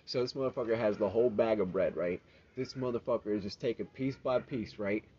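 A man's voice: lowish voice, brisk, a little mellow, slightly rough. A man rambling through a casual story, swearing and asking "right?" every few words. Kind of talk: casual banter. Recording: dull lo-fi sound.

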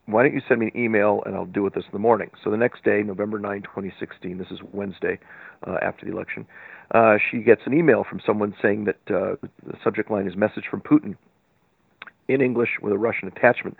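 Fast-talking gravelly man on a phone line. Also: on the low side, dry recording. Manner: emphatic, argumentative, recounts events in detail. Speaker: guest commentator. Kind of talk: political interview.

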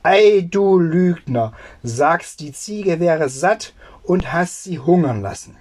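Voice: mid-range voice, a little slow, a little mellow, close to an everyday voice. A reader raging as an old hot-tempered tailor. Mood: furious. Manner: scolding outbursts. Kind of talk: fairy tale read aloud.

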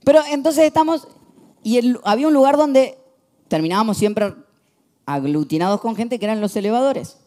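A young man with a Rioplatense Spanish accent preaching a sermon, telling stories with lively shifts from hushed to emphatic. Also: high voice. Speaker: pastor.

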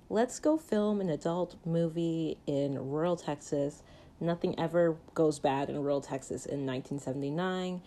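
A woman with a fairly low, warm voice recaps and comments on a movie in a casual, jokey, conversational way. She says "like" a lot throughout her chatty review.

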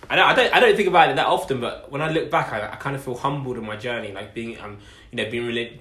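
A man's voice: lowish voice, a bit bright. A man in his twenties with an Essex accent, chatting casually on a podcast in an earnest way, repeating phrases for emphasis. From Essex and southeast London, England. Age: 20s. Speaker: podcast co-host telling his story. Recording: echoey room.

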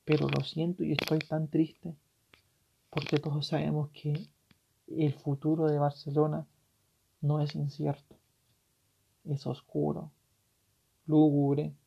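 A tearful man with a Chilean accent hosting a solo podcast, ranting passionately and swearing, his voice swinging from loud to hushed. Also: a little high, creaky, slightly rough. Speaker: podcast host. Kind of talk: emotional solo podcast rant. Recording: dull lo-fi recording.

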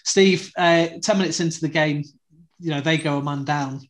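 A man with a fairly high voice runs a fan football podcast, chatty and quick to tease his guests. He steers the talk with pointed questions. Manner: chatty, leading questions, teasing. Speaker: podcast host.

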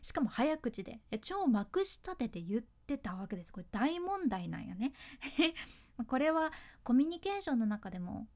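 A woman's voice: fairly high pitch, sing-song, moderate pace, darkish tone. A woman with a Fukuoka accent, a freelance announcer and speaking coach, telling stories in a casual solo talk, laughing often and acting out quotes. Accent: Fukuoka Japanese. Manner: chatty storytelling, frequent laughs, acts out quotes.

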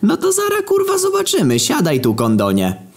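Man putting on a gruff mustached cop. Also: on the high side, fairly quick, voice pushed up, close to an everyday voice. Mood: menacing. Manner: rough, mocking, swearing. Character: gruff paunchy mustached middle-aged male cop.

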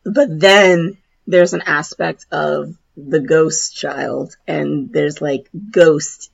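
Hoarse, gravelly woman podcaster, muffled sound. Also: deep voice, fairly even intonation, very slow. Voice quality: raspy, husky. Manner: informal, heavy use of "like" and "you know". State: hoarse, voice nearly gone. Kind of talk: casual podcast chat.

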